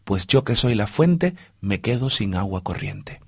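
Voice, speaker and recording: A man's voice: lowish voice, sing-song, measured pace, vocal fry, darkish tone, husky, no echo, clean studio sound, pitched below the performer's own voice, heavily acted. A man doing a sorrowful talking fountain. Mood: lamenting. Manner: lamenting.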